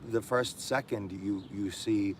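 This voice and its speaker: Taking his time, this man speaks in a lowish voice with fairly even intonation, and a slight hiss or hum is audible. He is a diaspora Armenian guest reflecting in casual conversation indoors in Armenia, thoughtful, hesitant and full of fillers.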